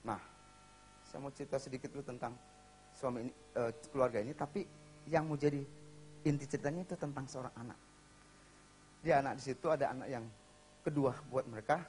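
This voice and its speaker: A man's voice: medium pitch, a little fast, long pauses, a little mellow, slight background noise. A man preaching in a church, telling a story in a casual way with dramatic acted voices. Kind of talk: storytelling sermon.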